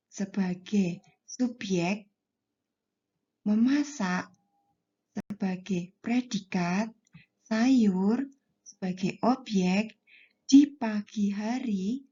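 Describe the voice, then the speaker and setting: Woman, primary teacher; slow, mellow delivery with a husky edge, over a dull lo-fi recording. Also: mid-range voice. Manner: slow, deliberate explaining to pupils. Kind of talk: classroom lesson for children.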